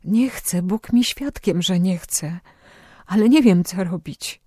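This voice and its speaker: A man reading aloud and voicing a frightened young woman at confession, hushed and pleading, close to tears. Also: high voice, measured pace, no room sound. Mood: pleading, tearful.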